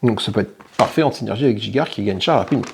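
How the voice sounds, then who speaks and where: A man's voice: fairly low pitch, very fast, creaky, a little hiss or hum. A man hosting a tabletop game channel, casually explaining a solo playthrough and thinking aloud with small self-corrections. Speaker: board game channel host.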